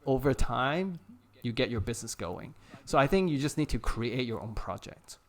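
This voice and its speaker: A man as a guest on a casual live chat, giving energetic, encouraging advice and laughing often over a remote call. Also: mid-range voice, normal speed. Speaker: guest creator coach.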